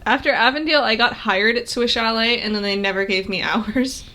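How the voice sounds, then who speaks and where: A woman's voice: fairly high pitch, brisk, pushed and bright. A woman, co-hosting a podcast in casual chat, talking in a loose, laughing way with lots of fillers. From Canada. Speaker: podcast co-host.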